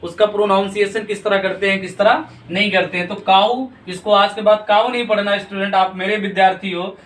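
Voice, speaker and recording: This English grammar teacher, recording a classroom-style video lesson, asks questions, supplies the answers himself, and keeps checking in with "theek hai na". He has a high, level, fairly bright voice and talks a little fast, captured by a distant mic in an echoey room.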